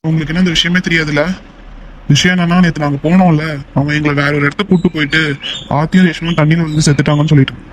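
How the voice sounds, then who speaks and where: A young man in a homemade cartoon, voiced by a man, slightly high-pitched. He bursts out with loud exclamations and teases his friends. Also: level tone, racing, slight background noise, natural voice. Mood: relieved chatter. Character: excitable young man, emotional and teasing. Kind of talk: amateur cartoon voice acting.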